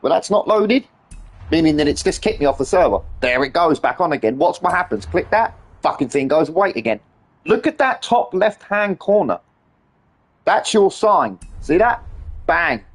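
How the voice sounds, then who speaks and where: Male game streamer, husky and very animated, casual commentary full of irritated swearing and complaint. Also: on the high side, moderate pace.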